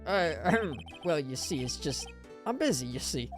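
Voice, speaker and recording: A woman voicing a pompous older male lawyer who hems, haws and clears his throat evasively. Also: sits low, animated, normal speed, music in the background. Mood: stuffy.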